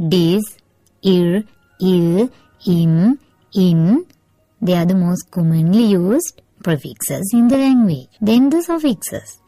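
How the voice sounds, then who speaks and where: A woman's voice: mid-range voice, mellow, no echo. A woman teacher giving a broadcast lesson, asking questions and answering them herself while calling her pupils "my dear children". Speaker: English teacher. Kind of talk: televised classroom lesson.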